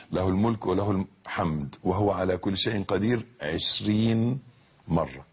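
A male preacher with an Egyptian accent delivers a fervent sermon, repeating phrases and moving between hushed passages and shouts. His voice sits low and has a husky edge. The recording sounds dull and lo-fi. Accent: Egyptian Arabic. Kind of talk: religious sermon.

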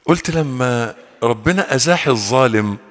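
A man with an Egyptian accent preaching a sermon. He moves between slow, drawn-out prayers and quick, colloquial remarks to his listeners. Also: medium pitch, expressive. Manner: fervent, alternating slow prayer with quick colloquial asides to the audience. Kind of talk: mosque sermon and lesson. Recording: long reverb of a large hall.

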